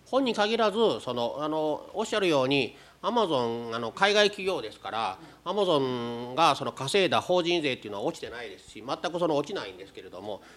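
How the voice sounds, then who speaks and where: A man's voice: medium pitch, very animated, a little fast, hardly any pauses, fairly bright tone. A man moderating an audience question session, speaking with many hesitant fillers. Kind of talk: chairing a Q&A.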